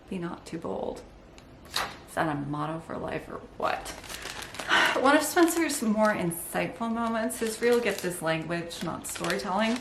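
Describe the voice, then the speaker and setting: A woman's voice: mid-range voice, roomy sound, a little hiss or hum. A woman hosting an embroidery channel, explaining her stitching with enthusiasm and wry asides. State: out of breath from holding a heavy piece. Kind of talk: casual show-and-tell narration. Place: indoor room with windows.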